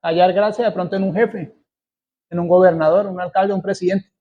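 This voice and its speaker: A man from Colombia preaching a sermon, slow and deliberate, repeating key phrases for emphasis. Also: sits high, fairly even intonation, lo-fi sound.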